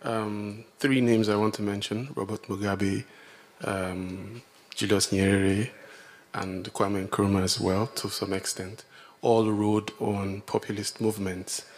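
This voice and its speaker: Low, flat-voiced man from Nigeria. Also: takes it slowly. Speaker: audience member asking a question. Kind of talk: conference Q&A question.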